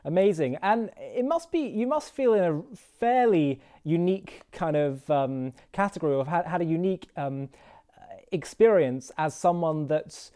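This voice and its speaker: A man's voice: a little high, lively intonation, a little slow, dark tone. A man hosting an interview, speaking casually and hesitantly with many fillers and restarts. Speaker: interview host.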